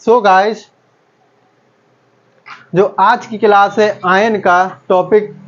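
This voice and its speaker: A man's voice: high-pitched, fairly even intonation, drawn-out words, a bit bright, muffled recording. A male chemistry teacher lecturing, asking the class a question and repeating each answer back.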